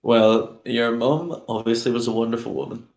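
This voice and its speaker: A man playing his character in a tabletop game, talking in a playful, flattering way. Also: medium pitch, normal speed. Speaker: player. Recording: roomy echo.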